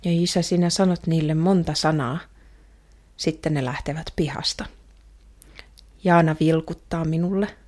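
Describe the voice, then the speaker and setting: An earnest young girl tells her own story in a radio drama, voiced by a woman. She speaks hesitantly in a fairly low voice. The telling stays close and first-person throughout. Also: fairly even intonation, long pauses, a little mellow, slight background noise, lightly acted. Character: young girl longing for her father's approval.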